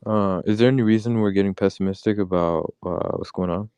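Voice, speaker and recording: A man with a very deep voice retells a story with amusement and stops and starts as he talks. The sound is dry and close. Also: mellow, clear, resonant tone, no room sound. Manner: amused retelling, halting, trails off. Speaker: Discord voice chat participant. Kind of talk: casual anecdote and chat.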